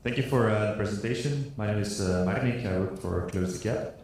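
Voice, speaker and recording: A man asking a polite, measured question from the audience at a conference. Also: fairly low pitch, darkish tone, slight background noise. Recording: echoey conference hall.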